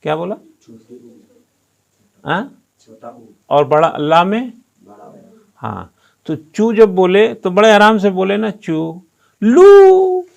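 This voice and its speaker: Guy teaching a coaching class, slow and kinda gravelly, keeps throwing questions at the room. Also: high-pitched. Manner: asks rhetorical questions and drills pronunciation; conversational, teasing students. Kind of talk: classroom lecture.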